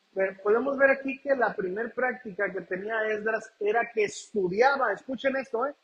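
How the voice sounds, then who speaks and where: A man's voice: sits high, a bit bright, slight background noise. A man from Mexico preaching a sermon, often calling out to the congregation and asking rhetorical questions. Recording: echoey church room.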